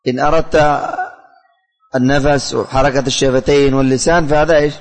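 A man's voice: medium pitch, fairly even intonation, brisk, long reverb tail. A man teaching a religious studies class, calling on students by name, asking questions and repeating the answers.

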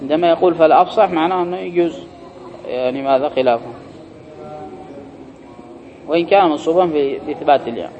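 High-voiced male grammar teacher, lecture-hall reverb, dull lo-fi sound. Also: fast talker, long pauses, slight background noise. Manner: reads the text aloud, then explains it and quizzes students. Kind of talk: classroom lecture reading and explaining a text.

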